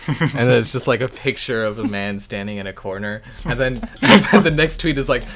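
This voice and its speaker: A man's voice: mid-range voice, brisk, slight background noise. A man co-hosting a casual gameplay video, joking and rambling with frequent laughter. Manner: jokey, rambling, laughs often. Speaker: gaming channel co-host. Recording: game music behind.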